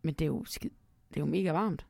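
Woman reading a xmas story then joking around, low gravelly voice, dry close sound. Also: a little mellow, no echo. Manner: playful, banters stubbornly. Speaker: reader and co-host.

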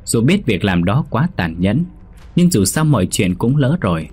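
A man narrating a ghost story in a steady, measured reading. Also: on the low side, husky.

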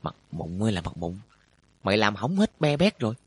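A man voicing an excitable teenage schoolboy who exclaims and groans. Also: lowish voice, a little fast, slightly rough, dry recording.

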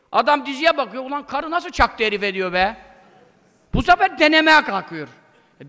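A male preacher with a very high, bright voice gives an informal religious talk, and he sounds emphatic and scolding. His blunt colloquial outbursts ring out with a long reverb trailing behind them.

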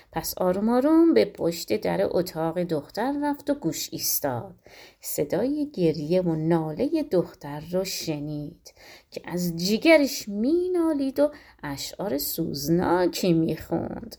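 A woman narrating a folk tale audiobook in a lively, expressive storytelling manner. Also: lowish voice.

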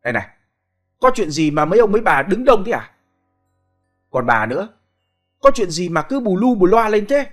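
A man voicing a bullying, frightened old landlord who shouts and curses at his servants and the villagers. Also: high voice, sing-song, moderate pace, long pauses, soft background music, pitched above the performer's own voice. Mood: demanding. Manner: shouting, cursing.

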